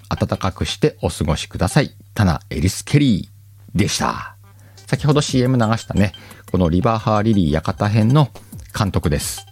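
A man with a lowish, slightly mellow voice hosts a casual solo talk show in radio-style chat, reading listener letters aloud. He's chatty and self-mocking, full of fillers, with faint music playing in the background.

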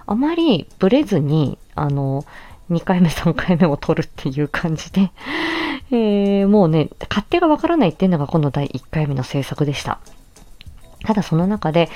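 In a deep, warm voice, a woman who is an amateur voice actress hosts a casual solo audio stream. She talks in a chatty, polite, explanatory way.

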